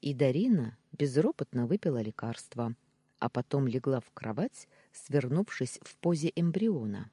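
A woman narrating a first-person audiobook in an expressive, melodic reading. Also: very deep voice, moderate pace, slightly rough, no echo.

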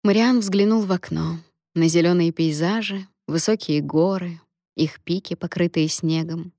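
A woman reading a novel aloud in measured, even narration. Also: on the low side, no echo, studio quality. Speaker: audiobook narrator. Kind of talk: scripted narration.

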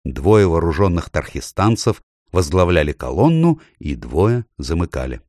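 A man narrating an audiobook in an expressive, dramatic reading style. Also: low-pitched, normal speed, no echo, clean studio sound. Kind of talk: scripted narration.

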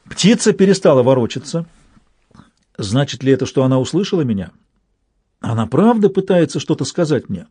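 A man reading a story aloud in measured, scripted narration. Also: mid-range voice, very animated, dark tone, breathy edge, no echo. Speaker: audiobook reader.

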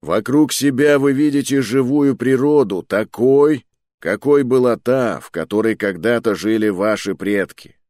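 A booming male mentor, put on by a male narrator, delivers his words in a loud, rehearsed oration. His voice rides somewhat higher and louder than a plain reading, with a dry, close sound. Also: measured pace, no echo, close to an everyday voice. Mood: declaiming. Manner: thundering, declamatory speech. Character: booming adult male mentor, grand orator.

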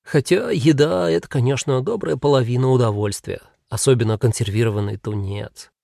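A man's voice: mid-range voice, brisk, gravelly, mellow, no echo, studio quality, natural voice. A man voicing an easygoing male demon who lives as a cat, speaking in a breezy, reassuring way. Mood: reasonable.

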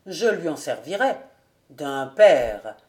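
A woman voicing a fawning male cousin who exclaims with theatrical flattery in an audiobook. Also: deep voice, takes it slowly, pitched below the performer's own voice, heavily acted. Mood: declaiming.

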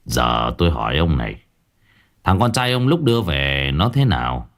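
A man voicing a stern old male exorcist who speaks slowly and gravely. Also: extremely low pitch, big pitch swings, pitched below the performer's own voice. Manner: slow, measured, grave.

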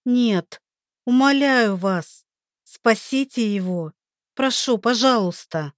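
A woman's voice: fairly high pitch, expressive, slow pace, dry recording, studio quality. A woman voicing a young heroine who speaks urgently and pleads for her beloved. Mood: pleading.

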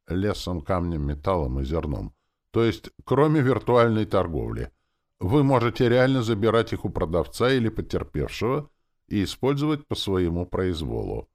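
A man's voice: deep voice, voice pushed up. A man voicing a formal magical system message in an audiobook, read like an official notice.

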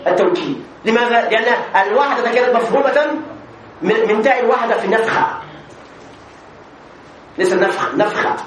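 A man's voice: extremely high pitch, animated, fairly quick, pauses often, crowd noise. A man teaching an Arabic grammar class as a sheikh, asking questions, answering them himself and repeating example phrases. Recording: echoey room with faint background noise.

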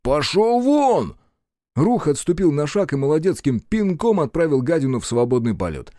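Lively male audiobook narrator. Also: on the high side, a little fast, no echo, studio quality. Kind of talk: scripted narration.

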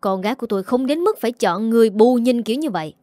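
A woman voicing a proud, domineering older mother who scolds in rapid, shrill tirades. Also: expressive, warm tone, no echo, clean studio sound, lightly acted. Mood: furious scolding.

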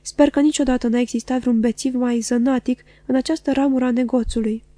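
A woman reading a classic novel aloud in a measured, even narration. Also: high-pitched, no echo. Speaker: audiobook reader. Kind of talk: scripted literary narration.

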